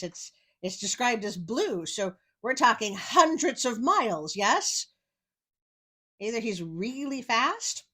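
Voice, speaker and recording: A woman's voice: medium pitch, pushed and bright. A woman reading fairy tales aloud and breaking off often with sarcastic, wry comments. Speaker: storyteller.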